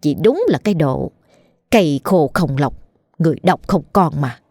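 A woman voicing a spiteful old village mother-in-law who scolds and wails in a sour, shrill way. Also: expressive, moderate pace, a little mellow, dry recording, studio quality. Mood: shrill scolding.

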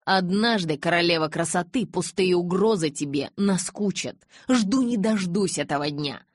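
A woman's voice: lowish voice, moderate pace, no room sound, studio quality, close to an everyday voice. A woman reading an audiobook, voicing a cocky young werewolf man with sarcastic, teasing speech. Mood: mocking. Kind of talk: audiobook character voice.

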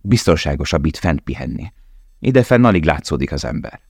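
A man voicing a calm, wry, experienced roofer who gives quiet advice. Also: very deep voice, slightly rough, dry recording, studio quality, full character voice.

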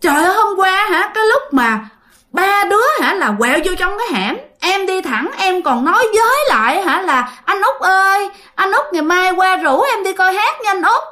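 A woman's voice: very high-pitched, expressive, moderate pace, pushed and bright, pitched above the performer's own voice, full character voice. A woman voicing an indignant young man who insists on his story, in a heated, pleading way, within a told ghost story. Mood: insistent.

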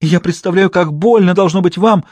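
A man's voice: high voice, a little fast, darkish tone, no echo, pitched above the performer's own voice. A man reading an audiobook who voices a melodramatic young actress, gushing and sobbing in exclamations. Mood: tearful theatrical. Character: melodramatic young actress wife, tearful and theatrical. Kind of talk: audiobook character voice.

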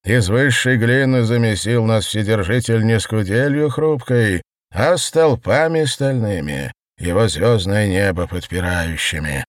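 A man voicing a grotesque ragged woman who speaks in a hoarse, wheezing, exalted way. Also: fairly low pitch, a little slow, no echo, studio quality, close to an everyday voice. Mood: exclaiming.

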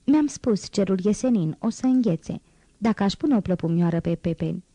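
A devoted old gardener chatters away with a dark, warm tone, as a woman reader puts him on. The reading is close and dry. He sounds humble and eager to help. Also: medium pitch, animated, no room sound. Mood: chatty.

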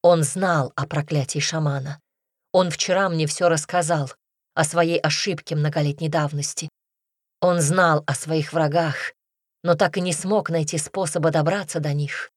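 A woman's voice: low-pitched, steady tone, measured pace, no room sound, studio quality. A woman narrator voicing a weary, grave mother explaining bad news in an audiobook. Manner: grave, sad.

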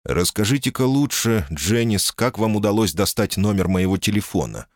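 A man's voice: fairly low pitch, animated, normal speed, dry recording, close to an everyday voice. A man voicing a wry, guarded man with a dry, ironic way of talking. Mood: probing. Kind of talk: audiobook character voice.

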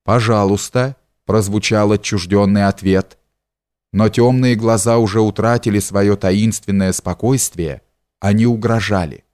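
A man narrating a novel in an audiobook, in a measured, even storytelling manner. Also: lowish voice. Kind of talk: scripted narration.

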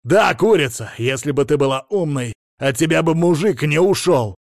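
Brief: audiobook, a man doing a gruff, quick-tempered guy who grumbles and yells, dry close recording. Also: medium pitch, no room sound, close to an everyday voice. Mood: shouting. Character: irritable middle-aged man, a suspected widower, quick to explode.

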